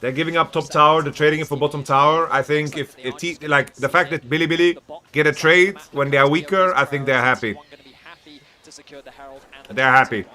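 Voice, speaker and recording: A man with a hoarse, worn voice reacts live to a tense esports match, talking to his chat and repeating his calls. His tone is bright and a little high for a man, and he keeps up a fast stream of loose reactions. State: hoarse from shouting. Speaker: costreamer. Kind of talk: excited live esports co-commentary.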